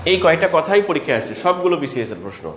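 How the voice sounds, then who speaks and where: A man teaching an exam-prep lecture, asking questions and answering them himself and repeating key terms slowly. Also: fairly high pitch, sing-song, a bit bright, a little hiss or hum. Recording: echoey room with faint ambience.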